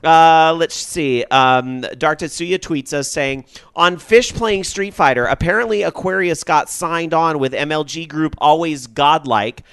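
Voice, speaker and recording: A man hosting a casual gaming radio show, reading tweets and taking calls, his voice jumping up when excited. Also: a little high, measured pace, hardly any pauses, smooth, no echo. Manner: excitable, voice jumps up when happy. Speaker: podcast host.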